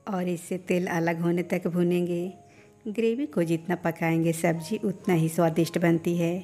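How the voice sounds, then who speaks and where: Over faint music, a woman's low, warm voice guides the audience through making a dish at home. The host of a cooking channel, she keeps her delivery calm, measured, and even, with little pitch movement.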